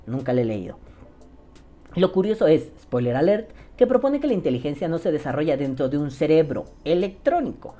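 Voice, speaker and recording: A Mexican-accented woman with a low, warm voice hosts a podcast and reads out listener comments. She swears freely and jokes around in heavy slang, and her pitch swings lively up and down. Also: brisk. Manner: profane, slangy, joking. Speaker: podcast host.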